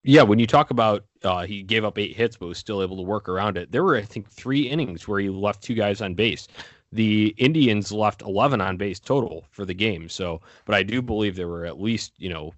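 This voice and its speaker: Male sports podcast co-host, deep pitch, casual recap commentary, dry recording. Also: fairly quick, no room sound, lo-fi sound.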